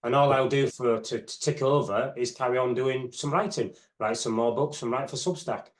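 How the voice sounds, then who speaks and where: Reflective man in his fifties. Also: medium pitch. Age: 50s. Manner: reflective, unhurried, trails off with "you know". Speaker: guest fitness expert. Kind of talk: casual interview chat.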